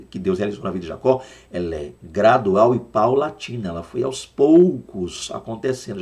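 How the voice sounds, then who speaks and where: A man's voice: medium pitch, darkish tone. A Brazilian man teaching a Sunday school Bible lesson, explaining words patiently and repeating them to drill their pronunciation. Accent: Brazilian Portuguese.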